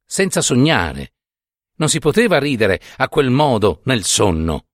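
A man reading a literary story aloud at an unhurried, deliberate pace, his pitch rising and falling widely with theatrical phrasing. The recording is dry and close, with little room sound. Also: sing-song, no echo. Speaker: narrator. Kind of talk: dramatic audiobook narration.

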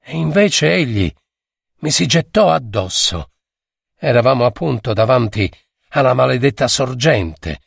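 A man's voice: medium pitch, gravelly, breathy edge, no room sound, studio quality, heavily acted. A man playing a boastful bearded rancher of about fifty who tells his story emphatically.

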